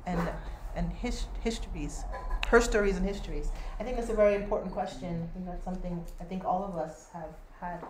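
A woman moderating a video-call panel, reading out a question and answering it herself, halting and restarting often. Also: lowish voice, fairly even intonation, mellow. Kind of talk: online panel discussion. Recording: echoey room, faint noise.

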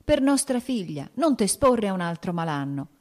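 A woman's voice: fairly low pitch, sing-song, moderate pace, a little mellow. A woman voicing an anxious, pleading pregnant noblewoman in an audiobook reading.

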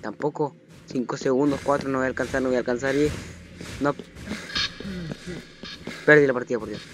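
A man giving let's play commentary on a horror game, jumpy and panicky, repeating phrases rapidly when chased. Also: medium pitch, fairly even intonation, music in the background. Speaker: gaming channel host. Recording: noisy home recording.

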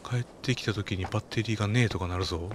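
A man with a Kansai accent giving casual running commentary while playing a game, often telling a character to be quiet. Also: fairly low pitch, quick pace, noisy background. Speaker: game streamer. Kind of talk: casual let's-play commentary.

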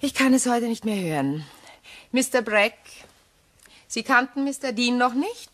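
In a German crime radio play, an actress portrays a shrewd, composed widow whose speech is measured, courteous and pointed. Her voice is fairly high, animated and fairly bright in tone, and her mood is resolute.

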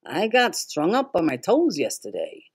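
A woman's voice: fairly low pitch, huge pitch swings, moderate pace, breathy edge, heavily acted. A woman voicing complaining henchmen who whine about their boss. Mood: grumbling. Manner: whiny complaining. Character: grumbling put-upon male henchmen.

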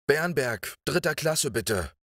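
A man's voice: mid-range voice, expressive, slow pace, a bit bright, no room sound, pitched above the performer's own voice. A man voicing an anxious schoolboy who pleads, close to tears, in an audiobook story. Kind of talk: audiobook reading.

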